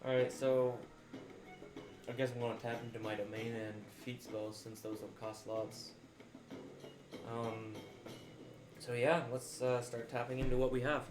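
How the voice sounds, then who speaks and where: A man's voice: medium pitch, flat delivery, a little slow, pauses often, over music. A man playing a tabletop game, chatting casually and thinking aloud about the rules. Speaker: player.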